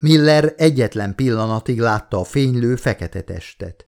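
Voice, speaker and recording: A man narrating an audiobook in a measured, steady way. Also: mid-range voice. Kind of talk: scripted narration.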